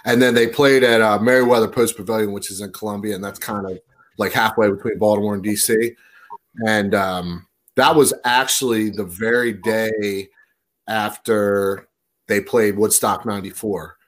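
A man's voice: fairly low pitch, steady tone, moderate pace. Male podcast co-host, forties, rambling casual storyteller. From Maryland, USA. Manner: rambling, filler-heavy storytelling. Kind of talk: casual chat.

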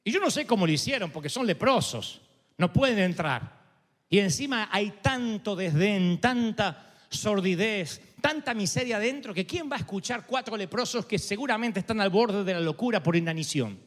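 High-voiced dramatic preaching man. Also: animated, normal speed. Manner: dramatic, full of rhetorical questions. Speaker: pastor. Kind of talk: sermon. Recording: echoey hall.

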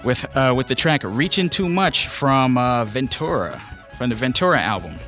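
Male radio host, natural unscripted delivery, informal and loose, crisp bright edge, faint music bed underneath. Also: mid-range voice, lively intonation, normal speed. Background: background music.

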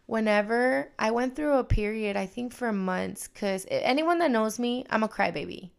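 Podcast lady chatting, open and animated, smooth voice with some vocal fry. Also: fairly high pitch, moderate pace. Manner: candid, animated storytelling. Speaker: podcast co-host. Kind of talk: casual chat.

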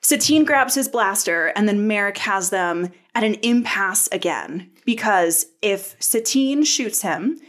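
A woman at a middle pitch co-hosts a podcast, recapping a story with eager enthusiasm. She gushes openly and keeps an easy, conversational rhythm. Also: lively intonation, unhurried, hardly any pauses. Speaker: podcast co-host. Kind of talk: casual recap chat.

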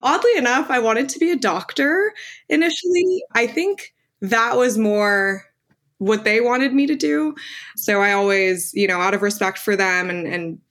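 Speaking at a moderate pace, this woman has a fairly high, slightly bright voice. She is a guest lawyer in her twenties whose first language is Armenian, and she answers the interviewer's questions honestly and earnestly, with filler words scattered throughout.

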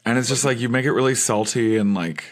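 A man's voice: medium pitch, fast. A man co-hosting a casual chat show, playful and campy, gushing with emphatic slang. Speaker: podcast co-host.

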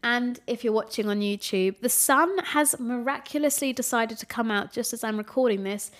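A young woman hosts her podcast alone, chatting casually to a camera at home. Her voice sits a little high and sounds somewhat nasal. She keeps things loose and conversational, not polished. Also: normal speed. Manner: chatty, relaxed, unpolished. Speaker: podcast host. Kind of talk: casual solo podcast chat. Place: home room with changing sunlight. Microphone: camera setup, recorded for video.

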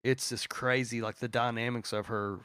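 A man's voice: mid-range voice, little pitch movement, normal speed, fairly bright tone, smooth, no echo. Enthusiastic rambling man. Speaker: podcast co-host. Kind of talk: casual music chat.

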